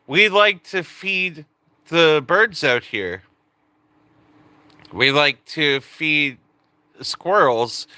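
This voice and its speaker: With a slightly high, sharp and smooth voice, a man in his late twenties chats on a live stream in a rambling, joking manner, often cutting himself off and starting again. The recording is dry.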